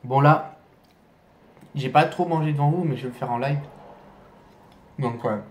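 A man talking casually to camera in a food vlog, chewing while talking, halting and repeating himself. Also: mid-range voice, a little mellow, echoey room. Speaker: food vlogger.

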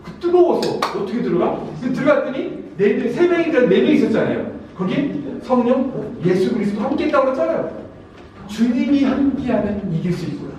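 A man's voice: extremely high pitch, animated, a little fast, a little mellow. A man preaching a sermon as a pastor, emphatic, often calling out to his congregation. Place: church sanctuary. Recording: very echoey hall, mic far off, faint noise.

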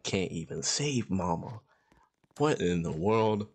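A man with a lowish voice talks his way through an online game in loose, rambling commentary. He stumbles over his words, circles back and fills gaps with ums and uhs. His tone stays casual and unpolished. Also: expressive, slow pace, breathy edge. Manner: rambling, hesitant, with many fillers and restarts. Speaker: gameplay video host.

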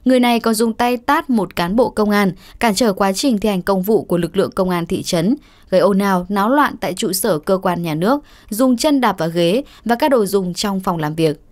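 A woman's voice: medium pitch, brisk, darkish tone. A woman reading a scripted news report as the narrator.

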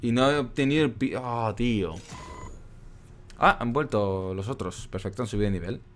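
A man's voice: mid-range voice, normal speed, slight background noise. A young man with an accent from Spain commentating his game, ranting in exasperation and swearing often. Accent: Spanish from Spain. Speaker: gaming YouTuber. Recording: game sound and music behind.

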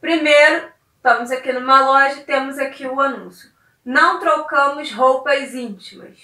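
A woman's voice: high-pitched, normal speed, sharp tone, echoey room, far from the mic. A woman teacher with a Brazilian Portuguese accent giving a recorded lesson, chatty and often checking in with her students.

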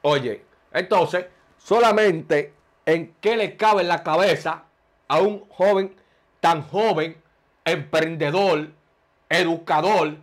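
Dominican guy bragging and rambling, kinda high voice, mixes in bad english. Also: slow pace, long pauses. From Dominican Republic. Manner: boastful, rambling, playful. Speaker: interview guest. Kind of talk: joking street interview.

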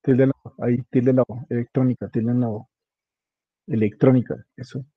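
A man's voice: medium pitch, little pitch movement, fairly quick, breathy edge, no echo, narrow, tinny audio. A man, coaching a student step by step in an informal, casual way and spelling out small details. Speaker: instructor. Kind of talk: guiding a student through a web page setup.

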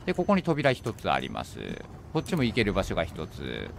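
Lively Japanese man streaming a horror game. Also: sits low, a little fast, gravelly, a little hiss or hum. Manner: thinks aloud while playing, bursts into alarmed shouts. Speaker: gaming streamer. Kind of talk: horror game let's play commentary.

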